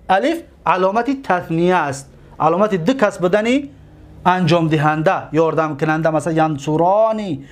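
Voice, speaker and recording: A man teaching a grammar lesson, explaining step by step, repeating terms and quizzing his students. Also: high-pitched. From Tajikistan.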